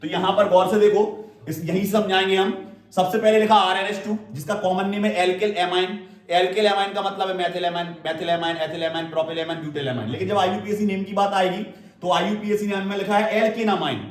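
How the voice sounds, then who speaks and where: A man's voice: high voice, fairly even intonation, normal speed. A male chemistry teacher giving a classroom lecture, repeating key terms and often checking that his students understand. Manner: addresses students fondly as "beta". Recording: echoey room, voice from a distance.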